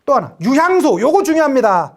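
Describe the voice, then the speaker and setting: Woman lecturer, exam prep history class, high voice, bouncy animated delivery, keeps asking the class questions. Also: brisk. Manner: asks rhetorical questions, acts out quotes.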